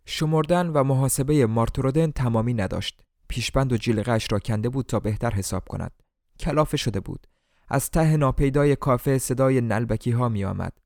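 A man from Iran reading a novel aloud as an audiobook, switching between formal narration and lively voices for the characters. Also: mid-range voice, no echo, studio quality. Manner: colloquial Tehran-style speech in dialogue, formal literary narration. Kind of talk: audiobook narration with acted dialogue.

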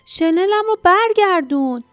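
A frightened teenage boy traveler, pleading and crying out in desperation, as a woman reader plays him. The voice sits high and loud in a dry audiobook recording with faint music behind. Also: animated, no echo.

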